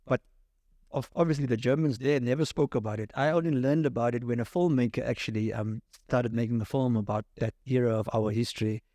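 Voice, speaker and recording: Telling his own story in a relaxed podcast chat, this middle-aged sound engineer, in his 40s or 50s, has roots in Cape Town and Namibia and a Southern African accent. His medium-pitched voice is mellow, steady, and brisk, with no room sound.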